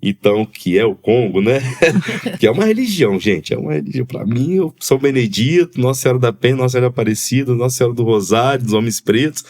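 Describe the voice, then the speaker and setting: A man from Espírito Santo with a Capixaba Brazilian accent, a podcast guest talking in a reflective, halting way with many restarts. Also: medium pitch, lively intonation, a little mellow. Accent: Capixaba Brazilian Portuguese. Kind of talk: casual conversation.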